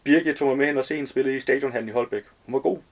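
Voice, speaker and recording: A man's voice: medium pitch, close to an everyday voice. A man reading aloud as a nervous, awkward young man who gives short, hesitant replies.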